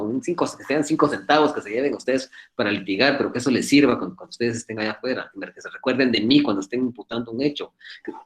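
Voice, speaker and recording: A man teaching an online law class over a video call, talking fast in an earnest, fatherly, repetitive way. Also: fairly low pitch. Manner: talks fast, admits he speaks too quickly. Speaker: law professor.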